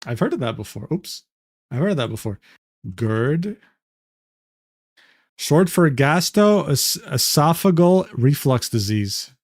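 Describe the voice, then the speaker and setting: A man with a fairly high voice, streaming live and reacting to clips in a brash, profane way. The recording is close and dry. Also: sing-song, a little slow, pauses often, no echo.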